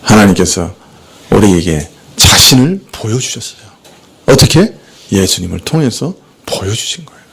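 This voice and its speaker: Animated Korean-speaking male preacher. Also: fairly low pitch, normal speed, husky. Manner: animated preaching, rhetorical questions and answers. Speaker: pastor. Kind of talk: sermon. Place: church.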